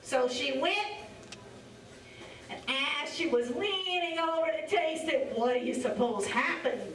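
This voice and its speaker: A woman's voice: sits high, animated, unhurried, slight background noise. A woman telling stories to children as an educator, theatrical and interactive. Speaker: storyteller and French educator. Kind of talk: animated live storytelling for children. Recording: echoey hall, distant microphone.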